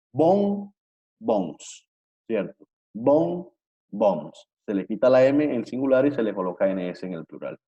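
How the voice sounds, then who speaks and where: Male teacher, online class: mellow, patient, repetitive explainer on a dull, lo-fi call mic. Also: fairly low pitch. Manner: patient, repetitive, checks understanding with frequent tag questions. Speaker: Portuguese teacher. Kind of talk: online language lesson.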